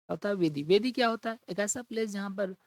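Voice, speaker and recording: A woman teaches an exam-prep vocabulary lesson. She explains patiently, keeps asking rhetorical questions and reads English definitions slowly, word by word. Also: medium pitch, darkish tone, dry recording.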